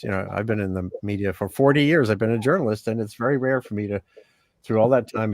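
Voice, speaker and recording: A man's voice: on the low side, vocal fry, dry recording. An older man hosting an online panel over a video call, talking casually and hesitantly with many fillers and restarts. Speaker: host.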